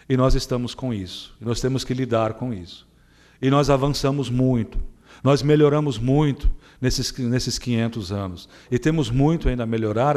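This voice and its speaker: A man with a Brazilian Portuguese accent giving a formal speech at a ceremony in a city council chamber, often pausing on filler sounds and restarting phrases. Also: medium pitch, a little mellow. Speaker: guest speaker at a church anniversary ceremony.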